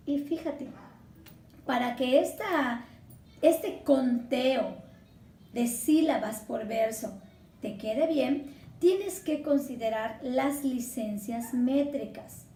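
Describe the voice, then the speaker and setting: A woman's voice: high-pitched, takes it slowly, dark tone, roomy sound. A woman teacher from Mexico, patiently explaining a Spanish lesson and spelling words out syllable by syllable. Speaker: secondary school Spanish teacher.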